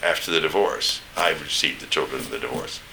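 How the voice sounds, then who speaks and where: An elderly man from East Tennessee, 70s or older, reminisces for an oral history in a rambling, anecdotal way, searching for names as he goes. He has a standard American accent and a sharp bass voice with vocal fry, speaking fairly quickly. The recording is low quality, with slight background noise.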